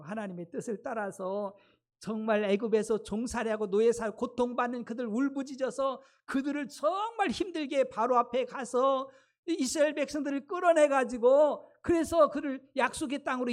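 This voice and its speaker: A woman pastor delivering a sermon, emphatic and speaking straight to her congregation. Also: high voice. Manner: emphatic, addresses the congregation directly.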